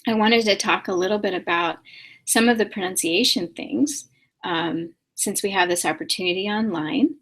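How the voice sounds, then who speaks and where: A woman answering viewers' questions in a live-stream class, speaking patiently with many pauses and soft fillers and repeating sounds to show how they are said. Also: medium pitch. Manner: demonstrates pronunciation by repeating sounds. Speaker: spiritual teacher answering questions.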